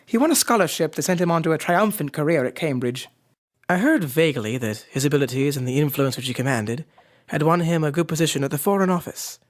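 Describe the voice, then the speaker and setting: An actor playing a genial, loyal Victorian gentleman doctor in an audio drama, speaking politely and in measured phrases. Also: a little high, expressive, close to an everyday voice. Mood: reflective.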